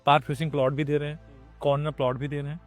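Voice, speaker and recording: A man representing a property project, giving a rambling, repetitive sales pitch outdoors. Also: level tone, racing, faint music behind. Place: outdoors at a plot site.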